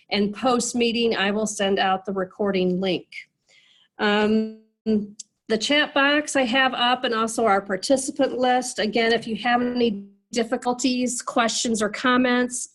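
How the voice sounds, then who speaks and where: Nasal from a cold, a fairly high-voiced woman runs an online meeting over a video call as moderator, talking chattily and often using fillers and restarting her sentences.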